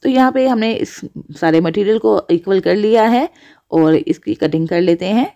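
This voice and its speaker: A woman's voice: mid-range voice, moderate pace, warm tone, lo-fi sound. A woman hosting a cooking channel, explaining each step of a recipe to viewers. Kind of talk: voice-over recipe instruction.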